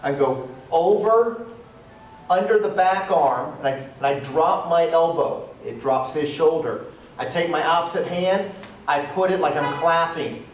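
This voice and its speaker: A martial arts instructor with a fairly high, expressive voice explains self-defense moves one step at a time as he shows them, speaking a little slowly. Recorded outdoors on cement by a distant camera, the audio is echoey with a little hiss or hum.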